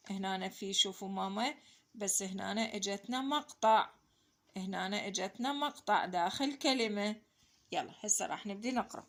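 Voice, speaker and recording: A woman with an Iraqi Arabic accent teaching a children's reading lesson. She spells out syllables slowly and loudly, drawing each one out, and calls the children "mama". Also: mid-range voice. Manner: slow, drawn-out syllable spelling, loud stressed sounds. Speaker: primary school teacher.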